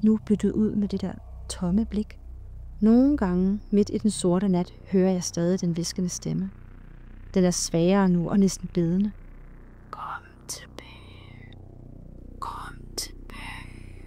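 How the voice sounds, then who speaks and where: A woman giving a slow, hushed and dramatic scripted horror narration, with sudden loud cries. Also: mid-range voice, steady tone, a little hiss or hum.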